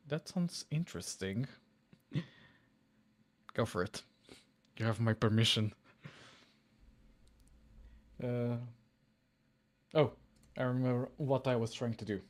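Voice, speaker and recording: Slow, easygoing man chatting on a stream. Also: medium pitch. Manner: unhurried, chuckles often, trails off mid-sentence. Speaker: streamer hosting a coding stream. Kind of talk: relaxed live-stream chat.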